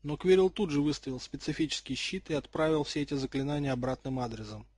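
A man's voice: fairly high pitch, fast, a little mellow, dry recording. Man narrating an audiobook, dry sound. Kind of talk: audiobook narration of fan fiction.

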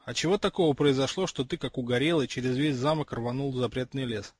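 A man reading the lines of a curious, cheerful schoolboy in an audiobook, in a slightly husky, inquisitive manner. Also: mid-range voice, quick pace, close to an everyday voice.

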